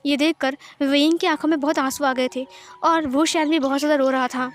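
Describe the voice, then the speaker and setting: A woman's voice: sits high, steady tone, brisk, soft background music. A woman narrating a fan fiction story, reading it in a plain storytelling manner. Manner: plain storytelling with many speech tags.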